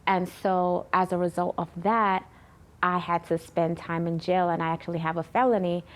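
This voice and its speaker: Low-voiced woman sharing her story. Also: moderate pace. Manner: earnest, animated when retelling conversations. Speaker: interview guest. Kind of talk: personal testimony in an interview.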